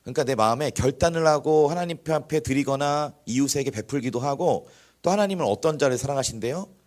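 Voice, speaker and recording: A man's voice: mid-range voice, brisk. A man preaching a sermon in church, talking conversationally to the congregation and acting out small examples along the way. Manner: animated, conversational, acts out examples. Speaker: pastor.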